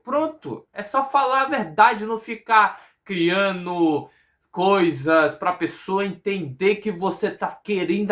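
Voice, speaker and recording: A man's voice: high-pitched, a bit bright. Man, Brazilian accent, casual vlog talk, rambling, repeats himself, self-questioning. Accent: Brazilian Portuguese. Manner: rambling, circling back and asking himself questions. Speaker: vlogger. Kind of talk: casual personal monologue.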